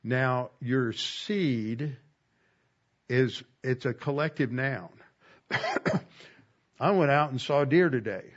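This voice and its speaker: A man teaching an expository Bible lesson, slowing down to stress key words. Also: mid-range voice, expressive, highs cut off.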